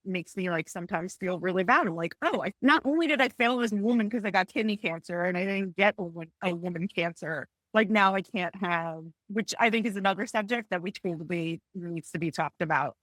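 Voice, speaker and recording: A woman in her forties sharing a personal story on a panel, tearful and halting, with frequent restarts and apologies. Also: fairly low pitch, fairly bright tone, no echo. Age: 40s. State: tearful, close to crying. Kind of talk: emotional personal testimony on a panel.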